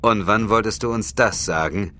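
A man voicing a calm, watchful male hunter who speaks quietly in an audiobook. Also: lowish voice, normal speed, faint music behind, pitched above the performer's own voice.

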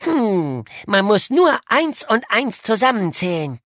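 A woman's voice: medium pitch, sing-song, slow pace, no room sound, studio quality. Woman voicing Oskar, a boastful know-it-all boy. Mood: smug. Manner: eager, self-assured storytelling. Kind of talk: audiobook dialogue reading.

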